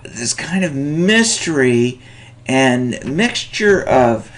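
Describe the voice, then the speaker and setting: A middle-aged man lecturing on a short story, animated, with chuckling asides and many fillers. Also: mid-range voice, extremely slow. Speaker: teacher.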